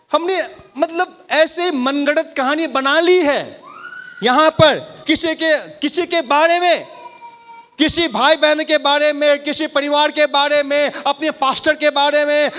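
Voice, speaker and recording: High-pitched preaching man, fervent pastor. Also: bright, forceful tone. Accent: Indian English. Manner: preaching fervently, calling on the congregation to repeat words. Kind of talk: sermon. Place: church hall.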